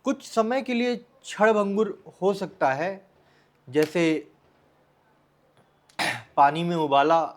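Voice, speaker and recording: An Indian advice vlogger with a notably high-pitched voice gives the viewer an informal motivational talk. He speaks bluntly and directly to the listener, often repeating phrases and asking rhetorical questions.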